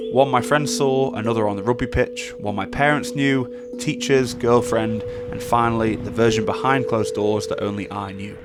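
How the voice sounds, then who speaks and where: Male narrator, young, low and thoughtful, guitar music behind. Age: young adult. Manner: calm, measured, thoughtful. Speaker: documentary narrator. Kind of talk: reflective scripted narration.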